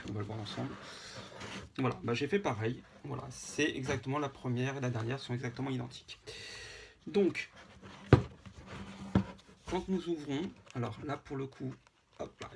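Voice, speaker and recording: A man casually showing a handmade photo album, talking to viewers with many pauses and fillers. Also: mid-range voice, vocal fry, very noisy. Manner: hesitant, many fillers, chatty asides to viewers. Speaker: scrapbooking vlogger. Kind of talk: casual show-and-tell.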